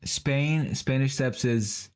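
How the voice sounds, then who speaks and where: A young man on a live stream, muttering his way through a word puzzle at an ordinary mid pitch. He tosses out guesses, curses at the tricky ones and keeps asking his chat if he's right. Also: slow, smooth. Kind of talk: casual stream chat, thinking aloud over a word puzzle.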